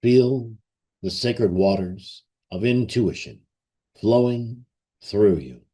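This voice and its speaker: A man with a fairly low, dark voice and a breathy edge guides a ceremonial meditation. He speaks very slowly in short phrases broken by long pauses, sounding solemn and reverent, as in a formal invocation.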